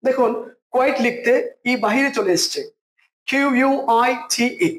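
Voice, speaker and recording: A teacher giving a vocabulary lesson at a board, slowly repeating example words and sentences for the class to follow. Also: sits high, fairly bright tone, low-quality recording. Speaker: English teacher.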